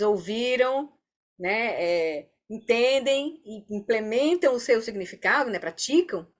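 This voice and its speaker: A woman teaching an online meditation class, explaining calmly and often checking in with her students. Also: fairly high pitch. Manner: calm, explanatory, often asks "né?". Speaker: Dharma teacher.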